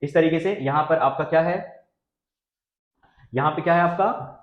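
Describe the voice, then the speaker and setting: A man's voice: a little high, measured pace. A man teaching an English lesson who explains patiently, asks the class questions and mixes English phrases into his talk. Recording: echoey, muffled room recording.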